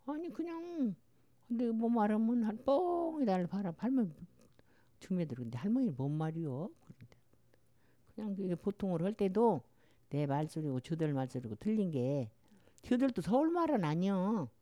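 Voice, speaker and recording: A woman's voice: mid-range voice, sing-song, moderate pace, dark tone, no room sound. An older woman from Jeolla with a strong Jeolla dialect, chatting in a rambling, storytelling way as an interviewee. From Jeolla, Korea. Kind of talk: casual chat.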